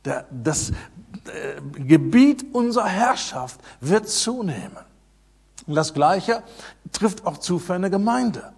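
A man with a notably high voice preaches a sermon, hammering home key phrases by repeating them. He surges loud on his main points, then drops into quiet, low asides. He sounds middle-aged. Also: lively intonation, slow, creaky, slightly rough. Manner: emphatic, repeats key phrases, swings between loud and soft.

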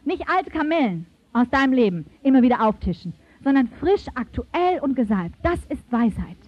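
A woman preaching a sermon in an animated, emphatic way, swinging her pitch dramatically as she tells stories and reads verses. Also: brisk, no echo. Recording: dull, lo-fi recording.

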